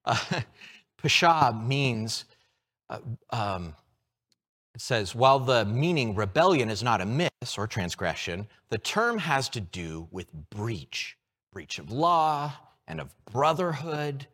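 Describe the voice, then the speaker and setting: A man preaching a sermon, moving from hushed, low lines to loud, excited ones as he acts out everyday scenes. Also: takes it slowly. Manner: animated, with props and shifts from hushed to loud. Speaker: pastor.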